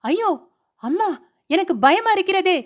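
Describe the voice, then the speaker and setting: A woman's voice: high-pitched, expressive, moderate pace, a bit bright, voice pushed up. Woman doing a hysterical, sobbing young wife. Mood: wailing. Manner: wailing and sobbing.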